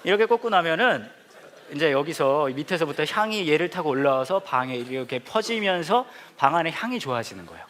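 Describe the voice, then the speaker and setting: Male pastor, comic preacher, higher voice swinging widely, playful storyteller with bursts of exclamation. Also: expressive, fairly quick, fairly bright tone, slight background noise. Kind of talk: humorous sermon. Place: church hall with a laughing congregation.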